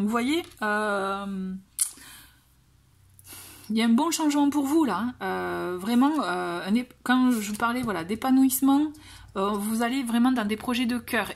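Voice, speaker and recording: Hesitant woman reading oracle cards. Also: fairly high pitch. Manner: hesitant, many fillers and restarts, gentle and encouraging. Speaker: tarot and oracle card reader. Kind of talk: casual card reading addressed to viewers.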